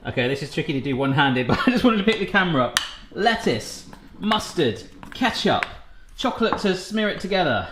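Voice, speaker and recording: A man's voice: fairly high pitch, very animated, a little fast. A man hosting a home cooking vlog, chatting and joking as he explains each baking step in his kitchen. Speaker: cooking channel host. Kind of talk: casual cooking vlog chat. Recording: echoey room with faint noise.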